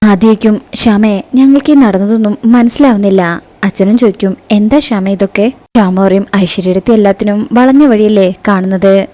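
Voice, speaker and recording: A woman narrates a TV serial episode in a casual recap. Her voice is warm and mellow at a middle pitch. She moves steadily through the plot and voices the characters' quoted dialogue as she goes. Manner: recounts scenes, quoting each character in turn.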